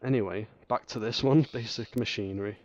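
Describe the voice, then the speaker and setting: A lower-pitched man talks through a game tutorial in a loose, rambling way, stumbling over restarts and fillers. His voice is dry and a little dull, like a lo-fi home mic, with faint music underneath. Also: fairly quick, a little mellow, no echo. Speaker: gaming channel host. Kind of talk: casual gameplay tutorial commentary.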